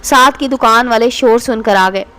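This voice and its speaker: A woman's voice: fairly high pitch, moderate pace, bright, forceful tone. Earnest woman telling a moral story. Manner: earnest, emotional narration. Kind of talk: scripted moral story narration.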